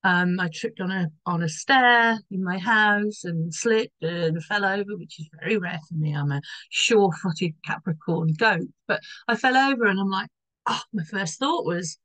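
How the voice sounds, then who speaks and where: Croaky-voiced woman explaining astrology. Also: mid-range voice, normal speed, a bit bright, no room sound, poor audio. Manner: rambling, loses her thread and corrects herself.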